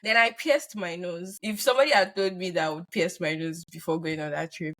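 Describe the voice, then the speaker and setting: A woman co-hosting a podcast in casual chat, relaxed and often laughing. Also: fairly low pitch, a little fast. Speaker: podcast co-host. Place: based in London.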